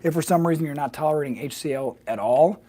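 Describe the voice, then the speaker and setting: A man with a slightly hoarse, froggy voice explaining wellness informally as a presenter on a live video, often adding small check-in questions. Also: on the high side, fast talker, dark tone, slight background noise. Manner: fluent, explanatory, often checks with "right?" and "okay?". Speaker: health practitioner hosting a weekly wellness video.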